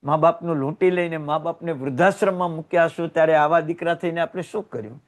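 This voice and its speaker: A man from Gujarat giving a Jain sermon, telling moving stories with sudden rises in voice and hushed, quiet drops. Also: on the high side, fast talker. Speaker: Jain religious teacher.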